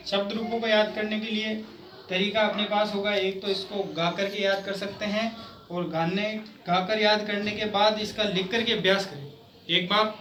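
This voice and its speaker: A man teaching a Sanskrit grammar lesson in speech, explaining slowly and chanting word forms in a sing-song way. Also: sits high. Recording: echoey room, mic far off, noisy.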